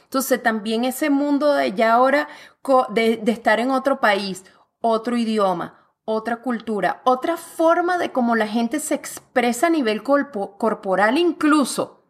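A woman from Venezuela with a Venezuelan accent, speaking as a guest in a relaxed, expressive conversation. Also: fairly high pitch, unhurried. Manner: lively, expressive, talks with her hands. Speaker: guest author. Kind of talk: casual conversation. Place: lives in Canada.

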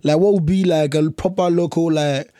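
Man from Lagos, slightly high voice, casual interview host, slangy, repetitive phrasing, dry sound. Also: fairly even intonation, moderate pace, mellow, no echo. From born in Lagos, Nigeria. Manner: informal, slangy, repeating himself.

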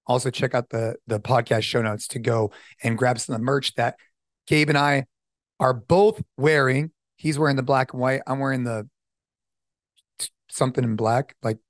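A man's voice: medium pitch, moderate pace, no echo, clean studio sound. A middle-aged man hosting a podcast, talking casually and upbeat, often saying dude and man. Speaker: podcast host. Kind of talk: casual chat.

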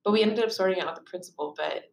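A young woman co-hosting a podcast, talking in a relaxed, measured way with many fillers. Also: mid-range voice, roomy sound. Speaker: podcast co-host. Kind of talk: casual podcast chat.

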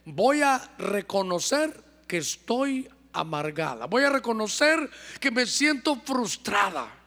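A man's voice: high voice, big pitch swings, slow, vocal fry, bright, forceful tone, full character voice. A man with a Honduran accent voicing a childless woman who prays, bitter yet determined, her confession pleading. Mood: anguished. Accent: Honduran Spanish. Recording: long church hall reverb.

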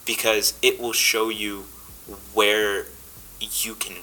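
A young man chats casually on a podcast, loose and full of fillers and restarts. His voice sits a little low but sounds bright and forward. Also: takes it slowly, slight background noise, poor audio. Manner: relaxed, chatty, many fillers and restarts. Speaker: podcast guest, actor.

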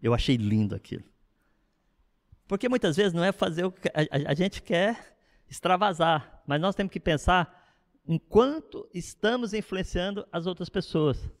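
A middle-aged male pastor delivers a sermon in a lively, chatty manner, often turning to the crowd with quick asides. His voice sits a little high for a man and swings widely in pitch. The sound carries a long reverb from a large hall. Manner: animated, conversational preaching with frequent asides.

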